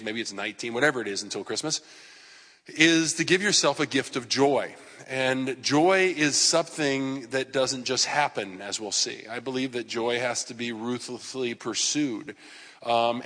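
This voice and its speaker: A man in his fifties preaching a sermon as pastor, conversational with self-deprecating asides and sudden loud outbursts. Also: mid-range voice. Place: church sanctuary. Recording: long reverb of a church hall.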